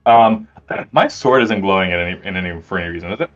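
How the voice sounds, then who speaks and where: A man's voice: low voice, fast talker. A man playing a tabletop game, describing his moves hesitantly and thinking aloud as he goes. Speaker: player. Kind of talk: casual tabletop game chat. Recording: dull, lo-fi mic.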